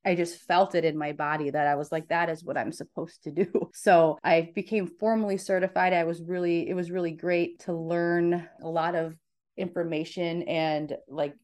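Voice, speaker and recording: A woman's voice: lowish voice, fairly even intonation, moderate pace, darkish tone. A woman in her thirties, a sleep consultant, chatting casually as a podcast guest and often restarting her sentences. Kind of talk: casual interview chat.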